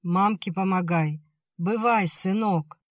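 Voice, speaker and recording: Male reader as gentle young recruit, warm reassurance, plain voice. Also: high-pitched, slow, no room sound, clean studio sound, pitched above the performer's own voice. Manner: soft, reassuring. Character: young village man leaving for war, gentle.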